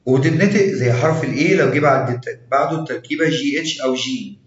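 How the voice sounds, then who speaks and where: A man with an Egyptian Arabic accent giving an English pronunciation lesson, saying each example word slowly and then repeating the list. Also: medium pitch, reverberant, highs cut off.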